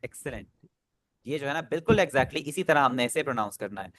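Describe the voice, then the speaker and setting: A man's voice: mid-range voice, lively intonation, normal speed, fairly bright tone, no echo. Man, online language tutor, patient drilling, dry close sound. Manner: patient, drills pronunciation, repeats "ठीक है". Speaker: Japanese language teacher. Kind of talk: online class instruction. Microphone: video call.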